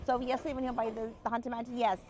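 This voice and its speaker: A woman's voice: on the high side, little pitch movement, fast talker, darkish tone. A young woman co-hosting a casual live stream outdoors by a grill, reading viewer comments aloud and greeting each person by name in a bubbly sing-song. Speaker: livestream co-host.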